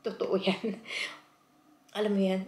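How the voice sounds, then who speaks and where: A woman's voice: medium pitch, level tone, slow pace, a little mellow. A woman from the Philippines chatting heartfelt to her viewers in a casual vlog, mixing in English and often calling them "guys". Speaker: vlogger. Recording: roomy echo.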